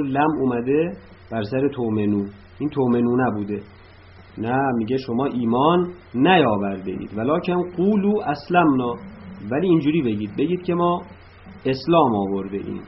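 A male teacher delivers a grammar lesson at a middle pitch, patiently repeating verb forms one after another and pausing with "uh" between points. The recording sounds a little dull and lo-fi, with a faint hiss underneath. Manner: patient, repeats forms in drills with filler pauses.

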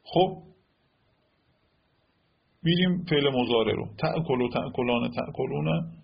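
A man's voice: mid-range voice, creaky, breathy edge, highs cut off. A man teaching an Arabic grammar lesson, explaining step by step and often checking with "right?".

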